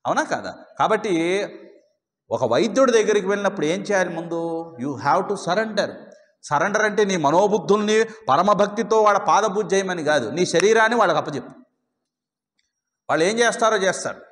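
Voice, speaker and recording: A man with a high-pitched voice gives a devotional discourse. He teaches through stories and rhetorical questions. A long reverb from a hall trails his words. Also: expressive, moderate pace, long pauses, a bit bright. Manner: storytelling with acted dialogue and rhetorical questions. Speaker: spiritual teacher.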